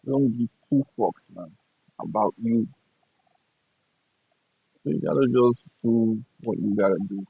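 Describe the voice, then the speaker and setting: Brief: young Nigerian-accented streamer, husky voice, blunt and profane, looping his points; dull lo-fi recording. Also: mid-range voice, unhurried, pauses often, no echo. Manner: blunt, profane, repeats himself. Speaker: gaming streamer. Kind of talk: casual ranting chat. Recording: dull lo-fi dry sound.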